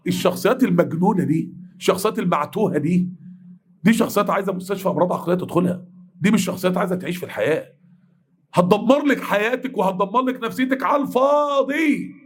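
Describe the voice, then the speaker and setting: A man in his thirties with an Egyptian accent, giving a mosque lesson in an animated, blunt manner and acting out dialogue. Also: high voice, very fast. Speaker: preacher.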